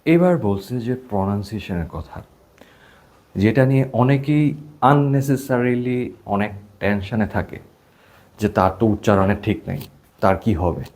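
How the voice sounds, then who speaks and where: A man's voice: on the low side, unhurried, long pauses, a little mellow. A young man with a Bangladeshi Bengali accent, teaching an English class in a casual, joking way and mixing English phrases into his talk. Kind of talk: classroom lesson.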